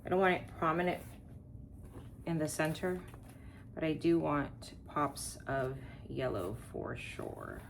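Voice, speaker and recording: An animated Texas woman with a low, creaky voice takes it slowly, with a little hiss or hum in the audio. She hosts a wreath-making tutorial, chatting casually as she works, thinking aloud and rambling on asides.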